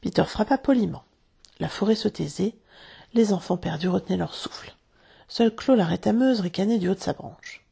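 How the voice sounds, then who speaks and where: A woman reading a children's storybook aloud in a calm, measured way. Her voice is heavily gravelly and breathy, with a dark, mellow tone. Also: mid-range voice. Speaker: narrator.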